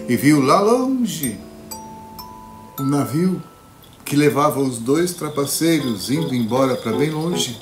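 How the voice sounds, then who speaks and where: A man telling a classic fairy tale to children, playful and dramatic, with long pauses. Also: medium pitch. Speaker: storyteller. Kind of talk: children's storytelling performance. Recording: echoey room with guitar music.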